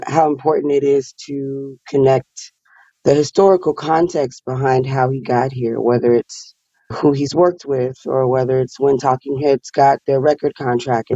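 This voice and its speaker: A guest with a raspy morning voice answers slowly and thoughtfully, pausing with fillers while searching for words. The tone is dark and mellow, heard over a dull, muffled lo-fi line. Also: mid-range voice, no echo. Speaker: performer and guest. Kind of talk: reflective interview answers.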